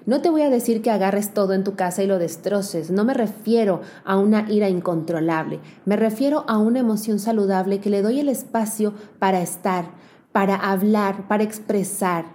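A woman giving an earnest motivational talk to women, speaking straight to the listener and slowing down to stress key words. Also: medium pitch. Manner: addresses the listener directly and warmly.

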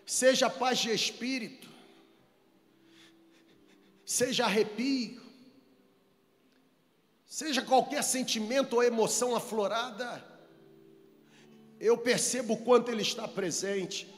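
A man preaching a sermon at a church service, moving between soft pleading and fervent shouting. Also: extremely high pitch, slow, long pauses, long reverb tail, faint music behind. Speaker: pastor. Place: church service, streamed online.

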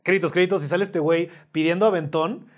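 A man's voice: fairly high pitch, fairly even intonation, fast. A man with a Mexican accent, co-hosting a podcast and telling slangy anecdotes. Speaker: podcast co-host. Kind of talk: casual comedic chat.

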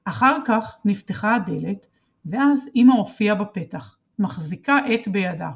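A woman narrating a first-person children's book in a lively, expressive reading voice. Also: medium pitch, creaky, slightly rough. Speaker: storybook reader.

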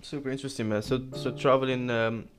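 A man's voice: medium pitch, steady tone, fast, over music. A man hosting a podcast, asking casual interview questions in a hesitant way with many fillers. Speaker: podcast host.

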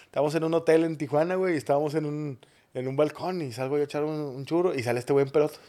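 A man, a podcast guest joking in loud, slangy banter. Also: a little high, racing. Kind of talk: casual chat.

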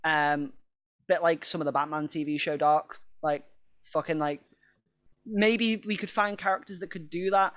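A man with a voice pitched a little high for a man talks casually on a podcast. He rambles from point to point, laughs easily and swears in passing. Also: fairly even intonation, normal speed, a bit bright. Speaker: podcast co-host. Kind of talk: casual chat.

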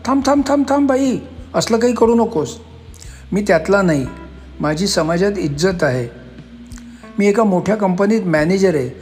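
A man's voice: sits high, moderate pace, long pauses, darkish tone, soft background music, natural voice. A man voicing a flustered middle-aged male manager who talks agitated and insistent.

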